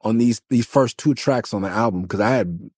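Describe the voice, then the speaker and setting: Husky, nasal, and fairly low-pitched, this Los Angeles man speaks at normal speed in a dry, clean studio recording. Hosting his podcast, the rapper gives a loose, profane, animated account of making his album, complete with quoted voices.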